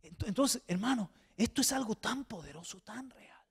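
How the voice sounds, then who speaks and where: A male pastor preaching a sermon to a congregation, swinging hushed tones to loud exhortation and often repeating small words. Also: high voice, animated, moderate pace, husky. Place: church before a congregation.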